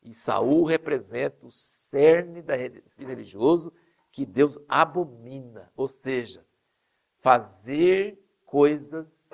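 A man preaching a sermon, animated, throwing out rhetorical questions. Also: mid-range voice, vocal fry.

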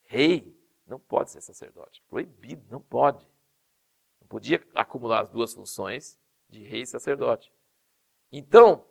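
A man preaching a sermon, animated, throwing out rhetorical questions. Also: medium pitch, gravelly.

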